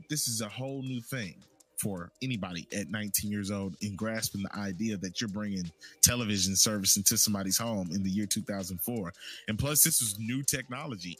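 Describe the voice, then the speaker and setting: A man with a lowish voice tells a casual personal story, rambling and circling back with repeats and restarts. He gets animated as he goes. Faint music plays underneath. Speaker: storyteller recounting work life.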